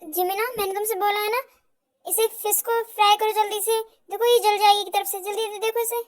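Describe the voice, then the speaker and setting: A woman voicing a gentle, long-suffering young wife who speaks softly and soothingly, in an amateur fan audio drama. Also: very high-pitched, fairly even intonation, brisk, voice pushed up. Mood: urgent. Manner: soothing, soft, placating.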